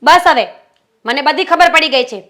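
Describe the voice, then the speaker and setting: An actress playing a jealous wife who accuses her husband in a family drama, sharp and sarcastic. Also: sits high, moderate pace. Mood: accusing. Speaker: suspicious wife. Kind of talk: Gujarati short-film family drama acting.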